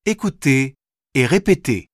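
A man narrates a language course at an unhurried, measured pace. His voice sits in a middle pitch, and every word is carefully articulated. The recording is dry and close, with no room sound. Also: sing-song, dry recording. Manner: slow, deliberate, carefully articulated. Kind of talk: scripted instructional narration.

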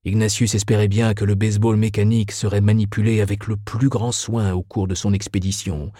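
A man reading a novel aloud as narrator, in a lively, expressive way. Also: lowish voice, brisk, breathy edge, no echo, clean studio sound. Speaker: audiobook narrator. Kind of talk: scripted narration.

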